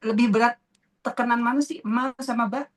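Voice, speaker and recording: A woman teaching a tajwid class, patiently asking students questions and repeating terms slowly. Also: on the high side, steady tone. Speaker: Quran recitation teacher.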